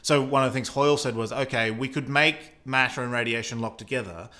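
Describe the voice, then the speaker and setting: A man's voice: medium pitch, brisk, sharp tone. A man from Australia with an Australian accent, co-hosting a casual science chat and explaining physics while thinking aloud. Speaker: co-host.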